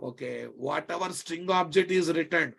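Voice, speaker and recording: A man's voice: fairly high pitch, normal speed, gravelly, a bit bright, husky. A man with a Telugu Indian accent teaching a live technical class, emphatically repeating phrases and often checking that students follow. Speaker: programming instructor.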